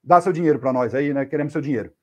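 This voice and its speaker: A man's voice: a little high, rapid-fire, close to an everyday voice. A man doing a pushy street robber. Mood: demanding. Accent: Brazilian Portuguese. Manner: demanding, pushy. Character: rough poor young male street robber.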